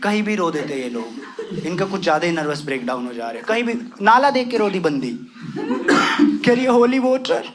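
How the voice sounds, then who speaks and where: A man's voice: fairly high pitch, big pitch swings, brisk, crowd noise. A young man doing stand-up comedy with a western Uttar Pradesh accent, crude and full of swearing, mixing English into his talk. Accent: western Uttar Pradesh Hindi. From western Uttar Pradesh, India. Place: comedy stage with a laughing audience.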